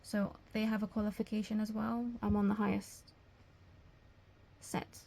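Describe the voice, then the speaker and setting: A young Englishwoman answers job interview questions for a language teaching role, explaining things in a measured way. Her mid-range voice is monotone and somewhat dark, with vocal fry.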